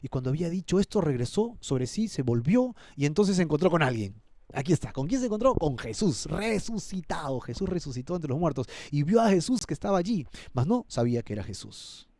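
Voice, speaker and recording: A man preaching a sermon in a dark, mellow voice that sits a little high for a man. He brings the scripture to life by acting it out and pleads earnestly with his listeners. The sound is close and dry. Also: very animated, brisk, no room sound. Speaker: pastor. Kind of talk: expository sermon.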